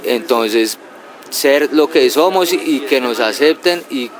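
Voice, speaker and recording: A man from a punk band talks in a rough, slangy way, sometimes mocking others in a sing-song voice. His voice is mid-pitched and ordinary. A loud outdoor crowd rumbles behind him. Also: lively intonation, slow pace, poor audio. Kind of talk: casual interview answers.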